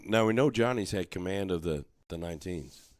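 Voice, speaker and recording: A man's voice: deep voice, expressive, brisk, no echo, studio quality. A man giving casual, chatty darts commentary as one of a panel. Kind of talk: casual sports commentary chat.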